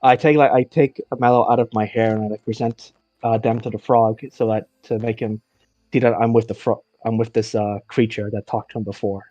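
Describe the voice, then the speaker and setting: A man's voice: fairly low pitch, little pitch movement, fairly quick, warm tone, no room sound, dull audio. A man playing a tabletop game over an online call, chatty and rambling. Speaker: player. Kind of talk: casual tabletop role-play.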